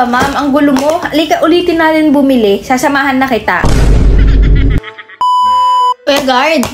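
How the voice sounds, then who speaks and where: A woman in a comedic skit, playing a nosy, bossy store cashier who chats and scolds customers. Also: high-pitched.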